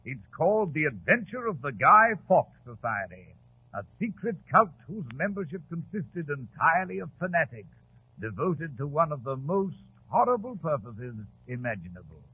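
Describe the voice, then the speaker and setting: An actor playing an amiable, admiring doctor, the detective's companion, hearty and exclamatory in 1940s radio style. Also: male voice, fairly high pitch, very animated, normal speed, slightly rough, full character voice. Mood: storytelling relish. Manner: hearty, exclamatory, old-fashioned British turns of phrase. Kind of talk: 1940s radio drama acting. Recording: tinny 1940s radio recording.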